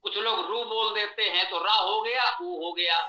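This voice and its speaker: A man teaching a Sanskrit pronunciation lesson, explaining slowly and patiently with much repetition. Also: high-pitched, fairly even intonation, sharp tone, reverberant, low-quality recording. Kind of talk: online lesson lecture.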